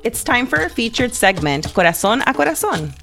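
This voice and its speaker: A woman's voice: on the high side, big pitch swings, brisk, vocal fry, fairly bright tone, faint music behind. A woman co-hosting a podcast, giving brief, agreeable responses and reading upbeat intros to segments. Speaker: podcast co-host. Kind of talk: casual podcast chat and scripted segment intros.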